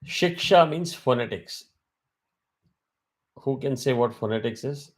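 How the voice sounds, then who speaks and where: A man's voice: medium pitch, measured pace. A man teaching a weekly Vedic class over a video call. He explains step by step and asks his students questions.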